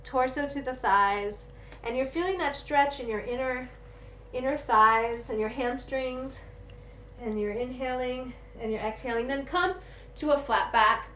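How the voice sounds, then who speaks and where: A woman's voice: sits high, unhurried, a bit bright. A woman instructor calling out yoga cues while moving along with the class, a little out of breath at times. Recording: roomy echo, faint ambient noise.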